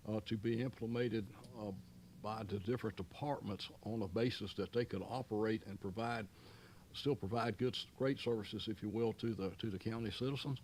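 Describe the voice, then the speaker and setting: A man's voice: on the low side, steady tone, normal speed, a little mellow, a little hiss or hum. A man serving as county manager, explaining items at a public board meeting in a folksy, long-winded way with many fillers and restarts.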